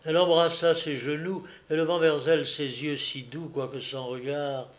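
A man narrating a classic novel as an audiobook in a measured, expressive way. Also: on the high side.

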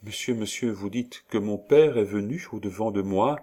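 A man's voice: fairly low pitch, normal speed, warm tone, lightly acted. A man voicing a timid, emotional young woman who pleads through tears, in a storybook reading. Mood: pleading, eager. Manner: pleading, tearful.

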